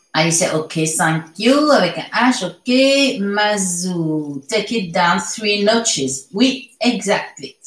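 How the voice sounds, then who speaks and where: A woman leads a live English lesson at an unhurried pace, stopping often to read her viewers' chat answers aloud and comment on them. Her voice is mid-pitched and carries a roomy echo. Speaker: English teacher. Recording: echoey room sound.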